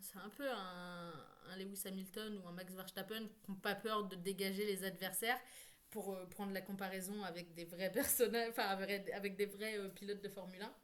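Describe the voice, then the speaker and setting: A woman chatting casually to camera about her reading pile. She rambles, stops herself with fillers and corrects her own words as she goes. Her voice sits at an ordinary middle pitch. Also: steady tone, a little fast. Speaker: book vlogger. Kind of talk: casual chat.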